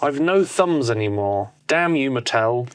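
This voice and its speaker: A young man co-hosting a casual comedy podcast, trading quick playful banter. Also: mid-range voice, lively intonation, clear, resonant tone. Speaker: podcast co-host.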